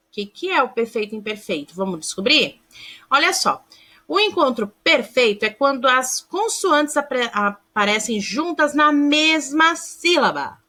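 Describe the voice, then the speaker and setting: Slow, bright schoolteacher woman. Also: high voice. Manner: slow, deliberate, sounds words out syllable by syllable; affectionate, calls pupils "amores", asks checking questions. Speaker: primary school teacher. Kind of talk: recorded remote grammar lesson.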